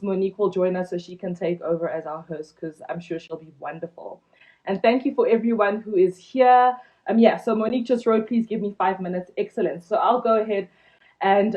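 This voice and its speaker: A woman's voice: mid-range voice, fairly even intonation, normal speed, darkish tone. Chatty woman on a lo-fi livestream. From South Africa. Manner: chatty, many ums and restarts. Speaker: blog founder hosting an Instagram live launch. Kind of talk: casual live-stream talk.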